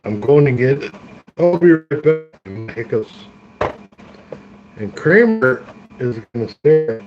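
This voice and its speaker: A man's voice: mid-range voice, dull audio. A man rambling casually to his livestream chat, full of fillers and restarts. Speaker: live streamer. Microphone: tablet streaming via phone hotspot.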